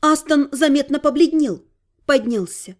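A woman's voice: sits high, measured pace. A woman narrating a first-person story as an audiobook, reading expressively with emotion.

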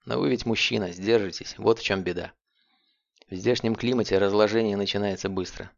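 A man with a gravelly voice voicing a vicious, frantic male captive in an audiobook, jeering and breathless, in a dull lo-fi recording. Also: lowish voice, fairly even intonation, a little fast. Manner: jeering, breathless, rising to shrieks.

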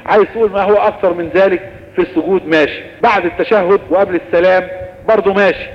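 A man with an Egyptian Arabic accent teaches Islamic law in a lively lecturing manner, his voice set high and his words tumbling out quickly. The recording is muffled and dull, with a long hall reverb trailing each phrase. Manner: lively explanatory lecturing, answering questions. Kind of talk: recorded religious lesson.

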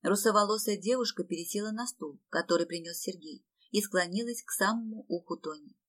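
A woman reading an audiobook aloud in steady, even scripted narration. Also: medium pitch, brisk.

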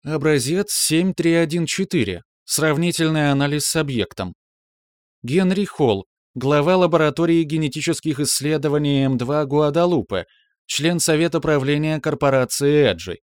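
Man voicing a soft, high-pitched female spaceship computer. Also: expressive, no echo, studio quality, lightly acted. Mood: impassive, formal. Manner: measured mechanical announcement of data. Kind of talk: scripted science-fiction audio story.

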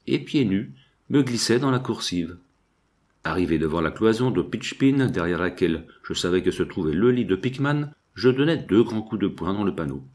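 Low-voiced man reading a novel aloud. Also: a little mellow. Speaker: audiobook reader. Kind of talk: scripted narration of a novel.

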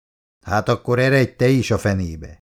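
A man reads a drunken, bullying husband and father. His words come out slow, heavy and slurred, breaking into rough, gravelly shouts. The voice swings widely in pitch. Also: expressive. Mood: shouting. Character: drunk, bitter middle-aged father, bullying.

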